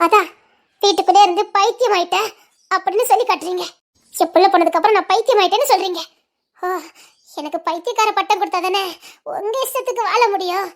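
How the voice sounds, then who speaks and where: An actress playing a grieving young mother who lost her child, speaking with a Tirunelveli Tamil accent, sobbing, laughing hysterically and shouting accusations in an emotional drama. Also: very high voice, quick pace. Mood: bitter, accusing. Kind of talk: emotional web drama acting.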